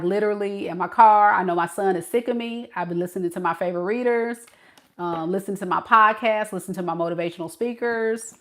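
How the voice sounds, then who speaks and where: A Californian woman with some Mississippi dialect in her speech chats casually with her live-stream viewers as a tarot reader reading live chat, laughing often. Her voice is medium-pitched, with a little hiss or hum on the recording.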